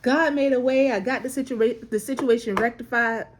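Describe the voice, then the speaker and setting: A woman's voice: fairly high pitch, fairly even intonation, moderate pace, a little hiss or hum. A woman, sharing a personal faith story in a casual, emotional way, close to tears and repeating phrases for emphasis. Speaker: vlogger sharing a faith testimony.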